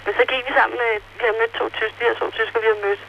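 A woman's voice: on the high side, fairly even intonation, vocal fry. A teenage girl on an interrail trip, talking hesitantly with many fillers in a phone interview from a post office. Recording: telephone line with faint hiss.

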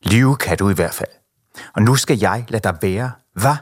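A man reading aloud the lines of an angry, defiant young boy who taunts and shouts. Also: low voice, slightly rough.

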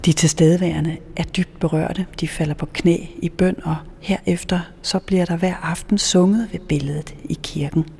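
A woman host narrating in a hushed half-whisper inside a church. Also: lowish voice, steady tone, gravelly, hardly any pauses, slightly rough.

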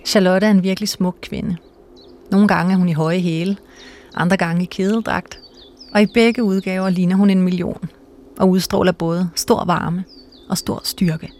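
Calm woman narrating a documentary. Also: fairly low pitch, a little hiss or hum. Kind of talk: scripted narration.

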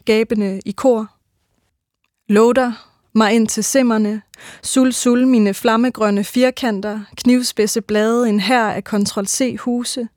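A woman giving a measured, rhythmic reading of her own first-person literary prose. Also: fairly high pitch, darkish tone, no echo, studio quality.

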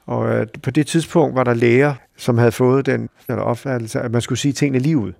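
A middle-aged Danish man telling a personal story in a halting, reflective way, with many fillers. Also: medium pitch, fairly even intonation, gravelly, darkish tone, no echo, clean studio sound. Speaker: interviewee recalling a friend.

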